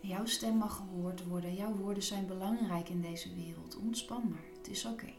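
A woman guiding a body relaxation meditation, giving soothing, instructive cues with gentle repetition. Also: medium pitch, fairly even intonation, moderate pace, reverberant, soft background music.

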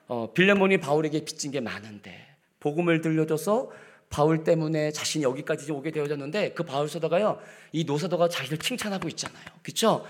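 A middle-aged man preaching a sermon in a church, swinging from loud acted rebukes to hushed whispers and playfully acting out quoted lines. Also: on the high side. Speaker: pastor. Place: church sanctuary.

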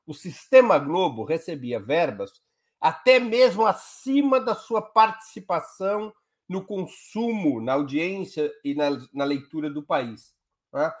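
A man's voice: fairly high pitch, lively intonation, measured pace. A man with a Brazilian Portuguese accent, a guest commentator explaining politics live on a talk show in an emphatic, step-by-step way.

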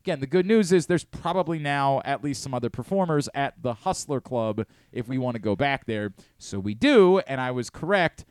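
Animated American radio host telling stories. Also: male voice, medium pitch, clear, resonant tone, no room sound, clean studio sound. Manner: animated storyteller, quick asides and laughs. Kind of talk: casual storytelling chat. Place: radio studio. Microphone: studio microphone.

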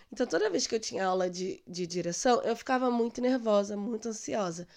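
A woman in her late twenties from Brazil, telling a personal story in a chatty, animated way on her vlog. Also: a little high. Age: late 20s. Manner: chatty, animated retelling with quoted dialogue. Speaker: vlogger. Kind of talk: casual storytelling.

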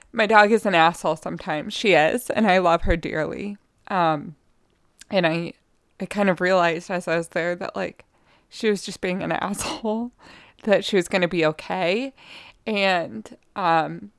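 Young woman rambling on her podcast, swears a lot, kinda low smooth voice, dry close mic. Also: measured pace, no room sound. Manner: rambling, frank and profane, with frequent fillers. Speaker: podcast host. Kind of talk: candid solo podcast monologue. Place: at home. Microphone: podcast microphone.

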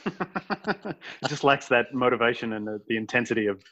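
A man's voice: medium pitch, animated, normal speed, bright, forceful tone, no room sound. Australian man, dry slightly muffled sound. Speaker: podcast co-host. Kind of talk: casual chat. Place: at home, online recording. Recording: dry, slightly dull home recording.

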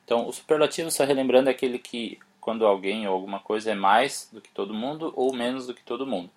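A man with Portuguese as his first language giving a casual spoken English lesson, spelling words out letter by letter and slowing down for his example sentences. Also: medium pitch. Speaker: English teacher, podcast host.

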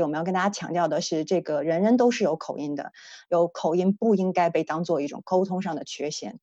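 Low-voiced woman speech therapist lecturing. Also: a little mellow, no room sound. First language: Chinese. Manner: earnest, explanatory, frequent hesitations. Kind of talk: online lecture. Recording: dull, dry lo-fi sound.

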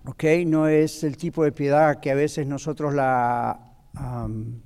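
A man's voice: medium pitch, flat delivery, takes it slowly, a little mellow, smooth, in a large hall. A man teaching a Bible lesson to a church class, explaining patiently and asking the audience questions.

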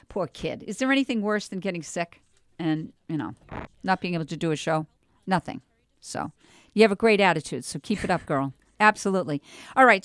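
On the radio, this middle-aged voice teacher chats warmly with young performers, full of effusive encouragement, speaking into a studio mic with headsets. The audio is studio quality with no room sound, and her mid-range voice has a fairly bright tone.

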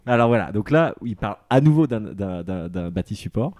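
Podcast columnist, male, mid pitch, lively intonation, halting delivery. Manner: hesitant, many restarts, explaining. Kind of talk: casual podcast chat.

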